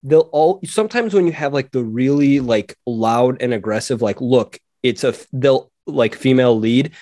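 A man co-hosting a podcast in casual chat, animated and acting out quotes in a raised voice. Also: medium pitch, normal speed, dry recording, studio quality. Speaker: podcast co-host.

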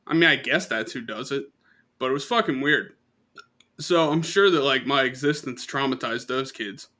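Bright, profane young man telling stories. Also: mid-range voice, normal speed. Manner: profane, rambling, laughs at own stories. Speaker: podcast co-host. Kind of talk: casual storytelling chat.

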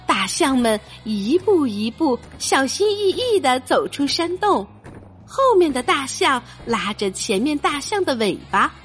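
A woman reading a picture book aloud for children in an expressive storytelling way. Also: sits high, measured pace, soft background music.

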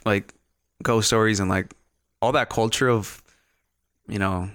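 A man's voice: on the low side, steady tone, a little slow, fairly bright tone, clean tone, dry recording, clean studio sound. A young man, a guest on a casual podcast, rambling with repeated words and easy laughs.

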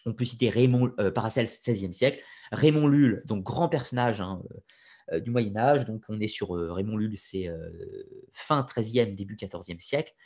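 A man's voice: lowish voice, moderate pace, a little mellow. A man giving an unscripted lecture, explaining step by step, hesitating often with fillers and restarts, and talking straight to his listeners with opinionated asides. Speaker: lecturer on occult history.

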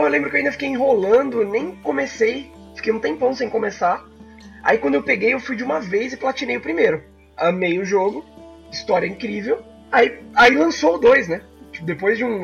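A man, co-hosting a casual chat about video games, animated and full of restarts. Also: sits high, vocal fry. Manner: animated, frequent fillers and restarts. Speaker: podcast co-host. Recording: slightly dull lo-fi sound.

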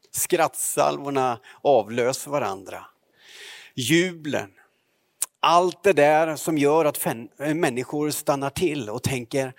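A man preaching a sermon, retelling a story dramatically and leaping up and down in pitch. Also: dry recording.

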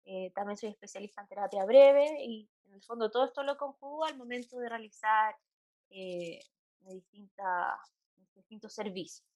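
A woman from Chile with a Chilean Spanish accent, a psychologist chatting as a guest, with many fillers and soft laughs. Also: mid-range voice, moderate pace, dry recording. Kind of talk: casual interview chat.

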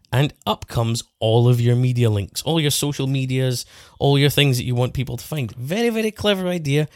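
A man's voice: mid-range voice, dry recording, clean studio sound. A man, a podcast host chatting casually in a bantering way. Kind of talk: casual chat about car detailing.

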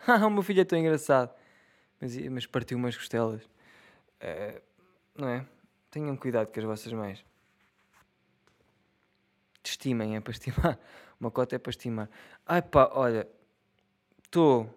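A man's voice: medium pitch, measured pace, long pauses. A young man in his twenties with a European Portuguese accent, rambling and joking in a casual solo monologue, swearing freely and laughing at his own jokes. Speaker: solo podcaster.

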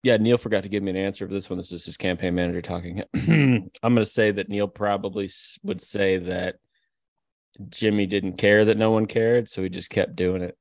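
A man with a Southern US accent playing a breezy male campaign manager who talks in a quick, offhand, rambling way. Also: low-pitched, fairly even intonation, no room sound.

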